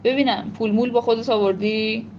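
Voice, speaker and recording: A woman's voice: on the high side, steady tone, a little mellow, dull audio, a little hiss or hum, natural voice. Woman reading a blunt grumpy dealer guy, stays close to her own voice. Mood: grumbling. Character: gruff grown man, a stingy neighborhood dealer.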